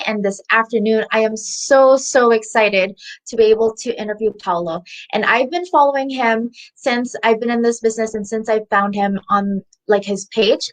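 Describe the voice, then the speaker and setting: A woman's voice: a little high, poor audio. A woman hosting a casual online interview, upbeat and enthusiastic. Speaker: host.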